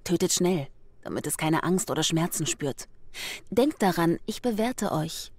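Stern hunting teacher, solemn, instructive, lowish voice, dry sound, dubbed game dialogue. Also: female voice, expressive, a little slow, darkish tone, slightly rough, no echo. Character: stern woman hunter teaching village children.

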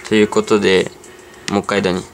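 Man, casual game commentary, drifting and chatty, lower voice, music playing underneath. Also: level tone, quick pace. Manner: rambling, easygoing, talks to himself while playing. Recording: clear background music under voice. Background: background music.

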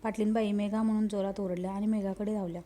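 A woman narrating a horror romance story in a steady storytelling manner. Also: mid-range voice, fast talker.

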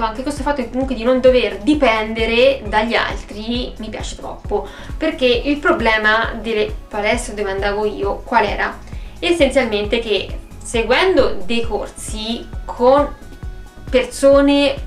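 Talking casually to her camera from home, a vlogger speaks in a fairly high, chatty, expressive voice. She's indoors in a small room that echoes noticeably, with some music behind her.

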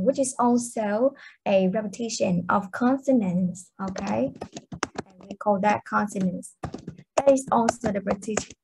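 A woman's voice: mid-range voice, gravelly, darkish tone, slight background noise, low-quality recording. A young woman with a Vietnamese accent teaching a literature class online, explaining patiently and checking in with her students. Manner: explains patiently, asks the class questions, fillers like okay.

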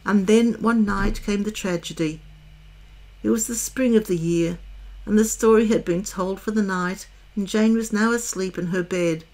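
A woman reading a children's novel aloud in a calm, measured way. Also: medium pitch. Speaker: storyteller.

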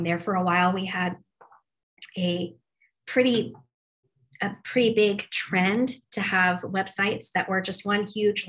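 A woman's voice: medium pitch, a bit bright, low-quality recording. Woman, forties, staff trainer, video call laptop mic, chatty, lots of ums and restarts. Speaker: web development presenter.

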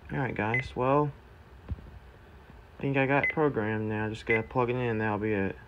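Indoors in a cluttered room at home, a man vlogs a casual hands-on gadget demo, muttering to himself in halting phrases. His mid-range voice sounds dull, recorded on a phone or camera held close to the device. The noisy handheld recording is full of loud background noise, button clicks, and device beeps.

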